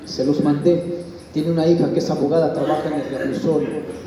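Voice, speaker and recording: Pastor guy telling his story, kinda high voice, long reverb in a big room. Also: fairly even intonation, a little fast. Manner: earnest storytelling, acts out quoted voices. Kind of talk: spoken testimony. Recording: echoey hall, mic far off.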